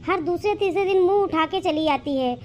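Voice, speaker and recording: A woman's voice: extremely high pitch, normal speed, darkish tone, slight background noise, pitched below the performer's own voice. A woman voicing a worried older mother-in-law in a cartoon, weary and lamenting.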